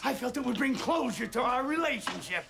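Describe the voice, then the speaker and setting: An actor playing a volatile, foul-mouthed male gangster who shouts and swears in a frantic, pitched-up voice. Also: expressive, brisk, vocal fry, reverberant, exaggerated voice. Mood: cruel, yelling. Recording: noisy film soundtrack.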